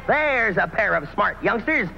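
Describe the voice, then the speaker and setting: A man's voice: high-pitched, expressive, a little slow, gravelly. A man announcing and singing an advertising jingle in a cheery manner, talking straight to children, with the sound of a 1950s TV broadcast. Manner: cheery, addresses children directly. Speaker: commercial announcer and jingle singer. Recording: dull lo-fi 1950s TV soundtrack with loud music.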